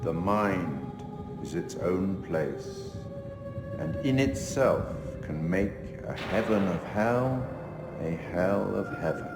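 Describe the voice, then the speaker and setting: An actor playing a sinister, refined gentleman who hosts horror tales in a video game, speaking in a measured, ominous and wryly courteous theatrical manner. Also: low-pitched, lively intonation, heavily acted. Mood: ominous, grave. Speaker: narrator host addressing the player. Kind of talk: theatrical scripted monologue, literary quotations. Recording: echoing hall reverb, music behind.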